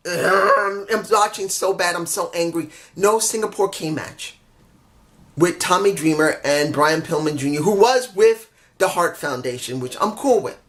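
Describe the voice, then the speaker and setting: A high-pitched, slightly slow, somewhat bright male voice belongs to a wrestling show reviewer fighting a stuffy head cold. Feeling under the weather, he rambles through a casual solo review, keeps correcting himself, apologizes for mix-ups, and grumbles in frustrated asides.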